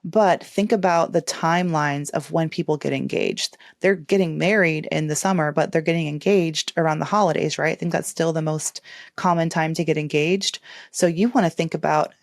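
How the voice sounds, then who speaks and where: Woman, podcast host, lower voice, dry close sound, chatty, encouraging, playful. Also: steady tone, normal speed, no room sound. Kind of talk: casual advice chat.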